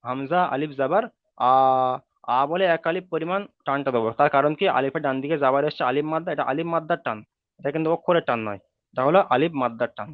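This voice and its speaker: A man's voice: on the high side, dry recording. Man teaching over a tinny online call. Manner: repeats rules slowly, drawing out vowel sounds. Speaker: Quran reading teacher. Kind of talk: online class lesson. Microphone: video call. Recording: tinny call audio, dry.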